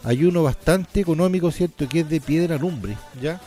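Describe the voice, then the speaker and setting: A man's voice: fairly high pitch, moderate pace, warm tone. A man presenting a natural health sales programme informally, explaining didactically and often checking in with short tag questions. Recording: faint music behind the voice.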